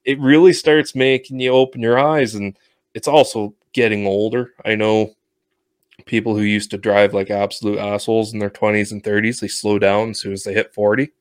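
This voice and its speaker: A man's voice: lowish voice, little pitch movement, normal speed, dry recording, clean studio sound. A man in his twenties co-hosting a casual podcast, telling earnest, reflective stories. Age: 20s. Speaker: podcast co-host, tow operator. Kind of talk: casual chat.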